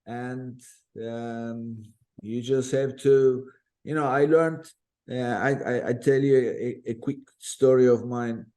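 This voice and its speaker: A man's voice: medium pitch, steady tone, takes it slowly, dark tone. A man who grew up in Turkey, hosting a podcast interview and telling a personal story earnestly, with many fillers and restarts. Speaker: podcast host. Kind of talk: conversational interview.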